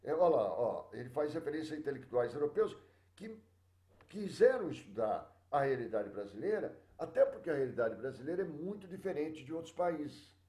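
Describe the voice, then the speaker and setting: A middle-aged man with a Brazilian Portuguese accent teaching a sociology class live, chatting with his students and filling pauses with many hesitations. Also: a little high, big pitch swings, warm tone, roomy sound. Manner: chatty, addresses students directly, many fillers and restarts.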